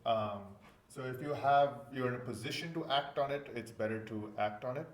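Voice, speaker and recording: Recorded indoors in an echoing room, an Indian man appears as a guest in an interview, chatting casually about being a golden visa client. He has a mid-range voice and a moderate pace.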